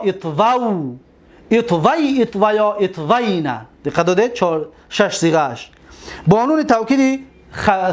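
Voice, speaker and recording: A man with a Tajik accent teaching a grammar lesson, chanting long lists of verb forms and quizzing his listeners. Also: high voice. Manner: drills conjugations aloud, repeats and quizzes listeners.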